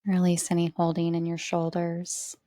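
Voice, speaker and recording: A woman yoga teacher leading a guided relaxation, with slow, soothing, spacious phrasing. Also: fairly low pitch, completely flat delivery, mellow, no room sound, studio quality.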